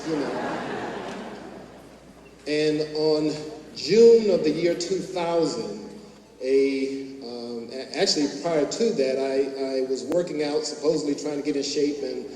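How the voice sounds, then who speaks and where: Middle-aged doctor speaking in an echoey hall. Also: male voice, a little high, warm tone. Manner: anecdotal, self-mocking humor. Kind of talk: ceremony speech, storytelling. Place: large hall. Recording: echoey hall from far off, faint hum.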